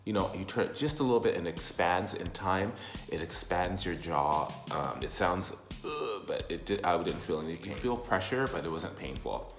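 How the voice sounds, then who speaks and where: A man giving a casual, rambling personal update in halting explanations with repeated words. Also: low-pitched, animated, reverberant, soft background music. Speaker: vlogger.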